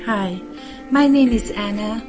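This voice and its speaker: Romanian lady doing a charity appeal, real slow, earnest, guitar playing behind her. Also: a little high, low-quality recording. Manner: slow, plain, earnest, non-native grammar. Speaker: charity founder. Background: guitar music.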